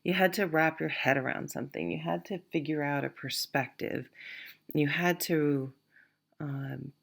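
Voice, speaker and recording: Speaking low, unhurried and creaky, this tarot reader keeps her casual session rambling and reassuring. Allergies leave her a bit nasal, sniffly and stuffed-up, and her talk is full of restarts and fillers.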